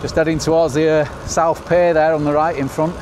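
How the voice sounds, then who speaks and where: A fairly high, mostly flat male voice moves at a fairly quick clip. The speaker, a middle-aged northern English cycling vlogger, gives relaxed ride-along chatter from his bicycle with a travel-show upbeat energy. Wind and traffic noise fill the outdoor recording.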